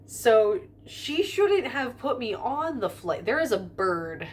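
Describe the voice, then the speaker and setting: A woman's voice: a little high, big pitch swings, slow pace, a little hiss or hum. A young woman telling a story to the camera in an airport terminal, rambling with lots of fillers and restarts. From United States. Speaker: vlogger. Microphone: camera filming herself in front of a window.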